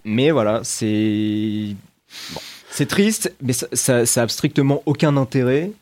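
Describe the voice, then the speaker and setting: A man talks through a film review in a loose, conversational way, often stopping, restarting and filling pauses. His voice sits at an ordinary middle pitch for a man. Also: a little mellow. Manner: chatty, hesitant, many restarts and fillers. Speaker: film critic. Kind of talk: casual round-table film review.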